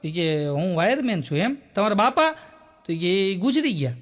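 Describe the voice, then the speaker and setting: A man's voice: high-pitched, sing-song, normal speed. A man telling stand-up jokes as stories, laughing at his own punchlines. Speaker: comedian.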